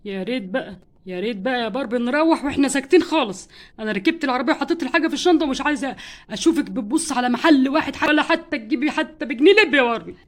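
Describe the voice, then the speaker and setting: A woman's voice: sits high, rapid-fire, close to an everyday voice. A woman voicing a stingy, complaining husband doll in a doll play story, with an Egyptian Arabic accent. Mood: grumbling. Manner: complaining, exasperated about money. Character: stingy grumbling husband doll, adult man.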